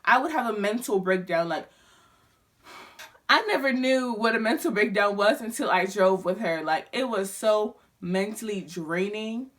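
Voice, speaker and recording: A young woman in her late teens tells a personal story to her viewers in loose, slangy chat. Her pitch sits in the middle range, and her delivery is animated and direct. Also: unhurried. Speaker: vlogger.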